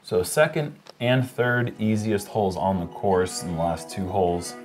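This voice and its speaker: A man's voice: sits low, fairly even intonation, unhurried, faint music behind. A man doing casual play-by-play commentary on disc golf.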